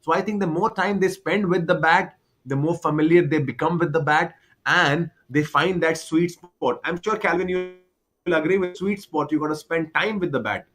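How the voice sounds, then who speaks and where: A man's voice: on the high side, normal speed, a bit bright. A man doing live baseball commentary, chatty and repetitive, explaining the game for cricket fans.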